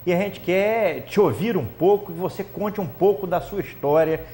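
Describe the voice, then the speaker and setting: A man's voice: sits high, normal speed, dark tone. A man hosting a local TV talk show, friendly and upbeat as he steers the interview. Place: local TV studio.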